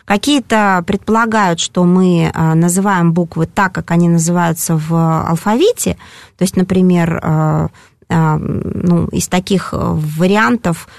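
A woman answering listeners' language questions on a radio call-in, speaking in a measured, explanatory way with frequent hesitant pauses. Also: lowish voice, fairly even intonation, creaky, dry recording, studio quality. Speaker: language expert answering callers.

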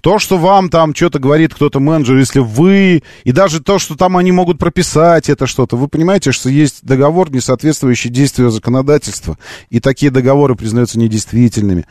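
A man's voice: medium pitch, brisk, a little mellow, dry recording, clean studio sound. A man hosting a live call-in radio show, arguing insistently and repeating phrases for emphasis. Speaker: radio talk show host.

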